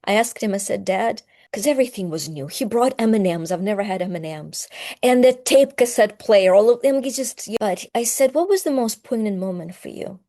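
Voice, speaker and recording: A woman in her fifties, originally from Ukraine, speaks as a podcast guest. Her voice is mellow and warm, and she tells family stories in an earnest, heartfelt way. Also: medium pitch, expressive, normal speed. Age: 50s. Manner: earnest and heartfelt, choking up at times. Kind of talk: emotional personal storytelling.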